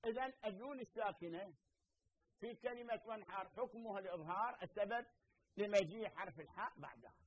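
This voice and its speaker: Iraqi man, middle-aged, patient TV teacher, high pitched, repeats and checks understanding. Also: husky, highs cut off. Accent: Iraqi Arabic. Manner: explains slowly, repeats points, checks understanding. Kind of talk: televised lesson with phone-in questions.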